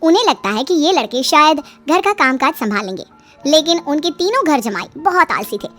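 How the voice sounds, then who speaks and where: A woman's voice: high voice, sing-song, normal speed, fairly bright tone. A woman reading a scripted story as its narrator. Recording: music behind the voice.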